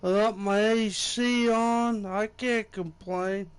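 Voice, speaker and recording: A man's voice: high voice, fairly even intonation, slow pace, clear, resonant tone. A man with an American accent livestreaming a game in casual, bro-heavy frat-boy slang, hyping himself up as the show's host. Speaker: game streamer, show host. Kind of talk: casual livestream chat while gaming. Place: indoors, air-conditioned room.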